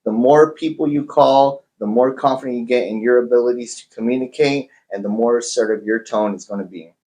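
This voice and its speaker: A man's voice: medium pitch, fairly even intonation, fairly quick, darkish tone, dull audio. A man, a real estate agent, giving plain advice on cold calling with some fillers. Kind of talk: sales training talk.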